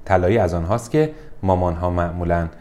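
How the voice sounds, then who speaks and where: A man narrating a children's storybook in a gentle, measured way. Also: deep voice.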